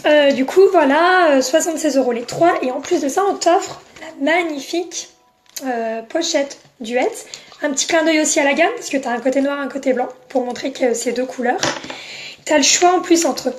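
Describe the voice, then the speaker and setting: A woman's voice: sits high, normal speed, slight background noise. A French-speaking woman selling makeup on a casual live stream, chatting and answering viewers by name.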